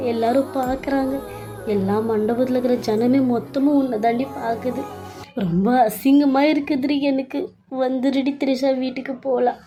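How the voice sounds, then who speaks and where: A woman's voice: sits high, warm tone, close to an everyday voice. A woman voicing a frantic mother who wails and pleads over her hurt daughter. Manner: wailing, pleading. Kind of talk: Tamil audio serial acting.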